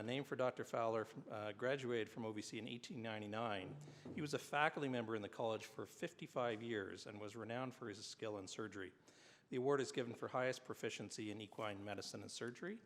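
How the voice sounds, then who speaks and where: A man's voice: lowish voice, fast, slight background noise. A man presenting awards at a university ceremony, reading formal citations with the odd "uh" and a dry aside about himself. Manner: reads citations with filler "uh"s, adds dry self-deprecating asides. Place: large hall at a university convocation. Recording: long hall reverb.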